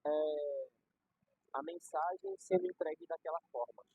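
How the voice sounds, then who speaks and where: Gravelly young Brazilian man, animated. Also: fairly high pitch, measured pace. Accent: Brazilian Portuguese. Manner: animated, slangy, explains with everyday examples. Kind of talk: casual conversation. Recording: dull lo-fi recording.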